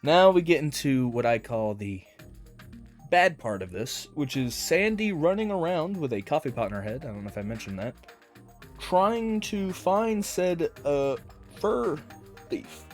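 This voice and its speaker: A man's voice: on the high side, very animated, a little slow, faint music behind. A man giving a casual, rambling commentary review of a cartoon episode, with lots of fillers and hedges.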